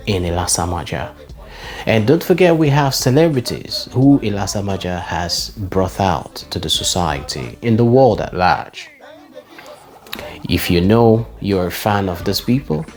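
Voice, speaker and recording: A Nigerian man in his forties talking in a personal vlog, looking back nostalgically on his childhood neighborhood and listing names and shout-outs. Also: deep voice. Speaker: vlogger.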